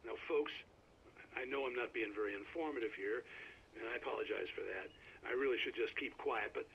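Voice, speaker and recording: A man's voice: mid-range voice, gravelly, slight background noise. An actor playing a chatty, folksy male radio host in a game, talking to his listeners. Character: male late-night small-town radio host. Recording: slightly dull game radio audio.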